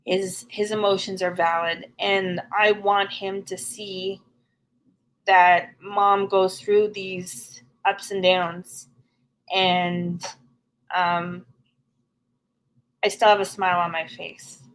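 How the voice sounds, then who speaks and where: Speaking slowly and with little pitch movement, a middle-aged woman from Canada gives candid, plain-spoken answers as a guest on a podcast interview. Her mid-range voice is a bit bright and sincere in manner. The audio is poor.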